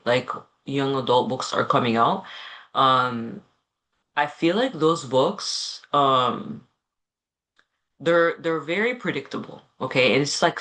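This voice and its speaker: A man chats casually about a novel in a relaxed review video. His talk meanders through fillers, restarts and side thoughts, and he keeps tacking on a quick "okay?" to make sure you follow. His pitch sits at an ordinary middle level for a man. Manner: rambling, filler-heavy, with many asides; ends points with a checking "okay?". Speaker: book vlogger. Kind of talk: casual book review chat.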